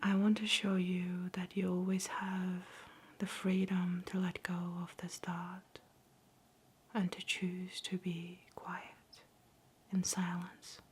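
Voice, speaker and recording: A woman giving a whispered ASMR pep talk in a soft, breathy whisper, soothing, gentle and encouraging. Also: on the low side, monotone, slow pace, a little hiss or hum. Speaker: ASMR host.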